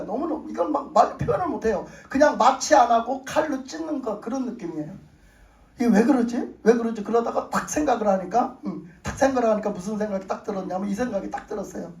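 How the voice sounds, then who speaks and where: A woman's voice: a little high, darkish tone. A middle-aged woman pastor giving a testimony sermon, telling her story with animation and acting out her own prayers. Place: church sanctuary. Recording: roomy church hall, voice from a distance.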